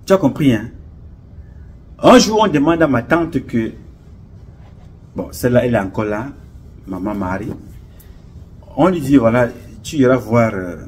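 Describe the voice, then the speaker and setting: An online commentator with a Cameroonian French accent delivers a casual, impassioned, preachy monologue, rambling and repeating himself. His mid-range voice is expressive and darkish, unhurried, with long pauses. Slight background noise is audible.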